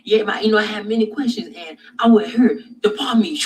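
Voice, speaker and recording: A man recounts a dream of judgment, voice pitched high and often stumbling over restarts and fillers. He swings from hushed to loud and intense. A faint hiss sits under the recording. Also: a little fast, low-quality recording. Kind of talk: personal dream testimony.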